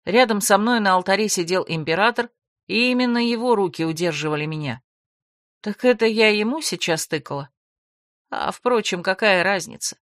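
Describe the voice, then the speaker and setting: A woman's voice: mid-range voice, expressive, normal speed, no echo. A woman narrating a fantasy audiobook in the first person, dry and matter-of-fact.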